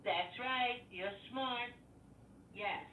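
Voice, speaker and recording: An older woman makes casual conversation as a co-host. Her voice is fairly high. She sounds a little far from the mic in an echoey room, with faint noise behind her. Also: extremely slow, phone-quality sound. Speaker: co-host, host's mother. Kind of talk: casual chat.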